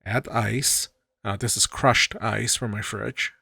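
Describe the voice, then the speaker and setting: A middle-aged man hosting his own channel, calmly explaining how he makes a drink in a voice-over, with a light self-mocking touch. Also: fairly low pitch, slow, vocal fry, breathy edge, no echo, studio quality. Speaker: channel host. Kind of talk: voice-over narration of a drink-making video.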